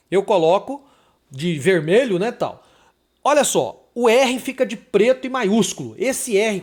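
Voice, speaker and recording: A man from Brazil giving a casual video lesson on English pronunciation, chatty and repeating example words slowly with emphasis. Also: sits high. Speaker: English teacher.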